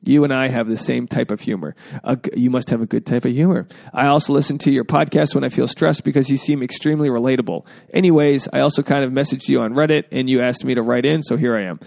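A man's voice: mid-range voice, fairly even intonation, quick pace, gravelly, hardly any pauses, a little mellow. A man hosting an advice podcast in a casual, rambling way, with jokey asides. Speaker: podcast host. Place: indoors at home.

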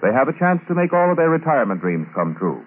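A man's voice: mid-range voice, very animated, fast, slightly rough. A man reading a persuasive scripted radio announcement in 1940s style, heard from an old broadcast disc. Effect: old broadcast disc sound. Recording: tinny, narrow-band old radio transcription.

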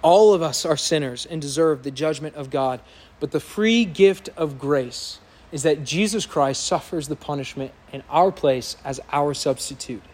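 In the church sanctuary, a pastor speaks to his congregation at normal speed, his voice a little high. He's loud, earnest, and emphatic, building to impassioned peaks.

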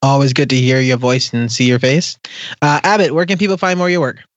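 A man's voice: medium pitch, steady tone, brisk, dry recording, dull audio. A man hosting a podcast in casual, chatty style. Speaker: podcast host.

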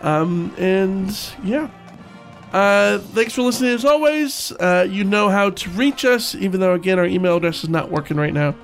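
Stuffy-nosed man with a high voice. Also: animated, normal speed, vocal fry, few pauses, faint music behind. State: congested, stuffy voice from being sick. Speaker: sports podcast host. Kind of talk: casual sports chat.

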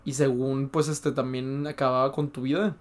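A young Mexican man chatting casually as a co-host. He rambles, trips over his words and repeats them often, in a voice of middle pitch. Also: little pitch movement, moderate pace. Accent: Mexican Spanish. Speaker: podcast co-host. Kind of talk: casual chat.

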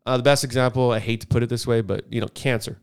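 Smooth-voiced blunt male co-host. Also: medium pitch, steady tone, fast talker. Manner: blunt, joking, offhand. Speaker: podcast co-host. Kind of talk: casual chat.

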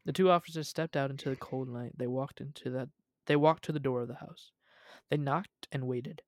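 A man's voice: medium pitch, steady tone, a little fast, no room sound. A young man reading a story aloud at home, casual, with asides.

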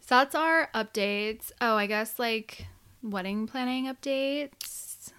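A woman's voice: fairly high pitch, slow, sharp tone, clean tone. A woman hosting a casual podcast, chatty and enthusiastic, peppering her talk with filler "like". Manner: chatty, enthusiastic, heavy use of "like". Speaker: podcast host.

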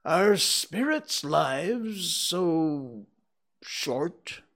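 A timid old miser with a thin, raised voice that quavers and stretches each word slowly, as a man reads him aloud. He stumbles over his words, hesitant and uneasy. His voice swings widely between notes. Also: on the high side, sing-song, fairly bright tone, pitched above the performer's own voice, heavily acted. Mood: startled. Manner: hesitant, halting, drawn-out.

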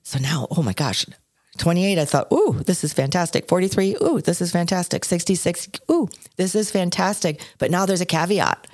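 A woman in her sixties, co-hosting a podcast and telling personal stories with lively swings in her voice. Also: moderate pace, no room sound, studio quality. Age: 60s. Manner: expressive storyteller, swings between low and high pitch. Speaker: podcast co-host. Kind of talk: casual chat.

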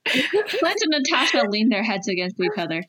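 A woman's voice: fairly high pitch, sing-song, moderate pace, a loud crowd. A woman narrator reading out scripted scene action and stage directions.

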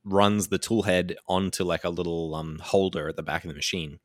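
A man chatting casually on a podcast, explaining things with lots of fillers like "like" and "um," often laughing and picking up energy when excited. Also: deep voice, fairly quick, dry recording, studio quality. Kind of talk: casual chat.

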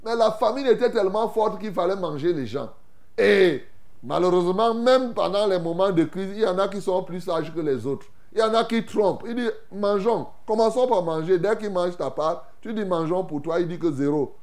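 A man with a high voice preaches an animated sermon. He acts out Bible scenes with sudden loud outbursts and drops into folksy asides to his listeners. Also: moderate pace.

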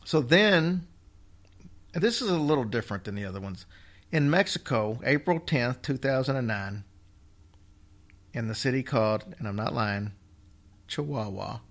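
A man's voice: medium pitch, animated, normal speed, long pauses. A man hosting a casual storytelling show, wry and joking, with a slight slur and the odd whistle or lip smack from a half-numb mouth. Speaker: podcast host.

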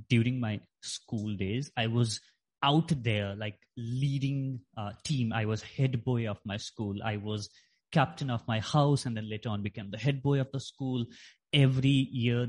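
A man's voice: mid-range voice, darkish tone. A man in his thirties from Nepal, a podcast guest talking reflectively with many fillers and restarts. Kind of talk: reflective interview talk.

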